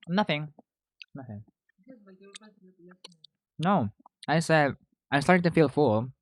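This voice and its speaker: This podcast host, a man with a fairly low voice, eats while he chats casually, chewing between phrases, rambling and correcting himself. The sound is studio quality with no room sound.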